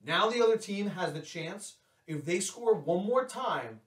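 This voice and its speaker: A young man co-hosting a casual sports podcast, rambling excitedly with restarts and swearing. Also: high-pitched, a little slow. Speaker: podcast co-host. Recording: echoey room, distant from mic.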